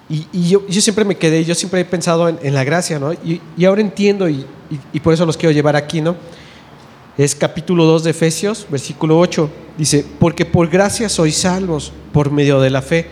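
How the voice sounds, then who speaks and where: A man giving an informal sermon, chatting with the audience, asking questions and answering them himself, and reading scripture slowly and emphatically. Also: fairly high pitch, fairly even intonation, darkish tone. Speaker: lay preacher. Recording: faint noise, long reverb in a hall.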